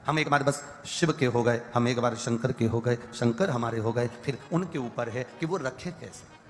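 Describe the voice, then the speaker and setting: A man's voice: medium pitch, normal speed. A man giving a devotional sermon, speaking emphatically in repeated lists and breaking into sung chants. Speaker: kathavachak preacher. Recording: long hall reverb.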